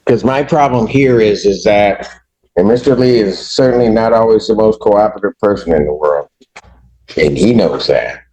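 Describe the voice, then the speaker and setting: A man serving as a judge, speaking from the bench in a courtroom recording, halting and restarting his sentences as he grows exasperated. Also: fairly low pitch, warm tone, slightly rough, muffled recording.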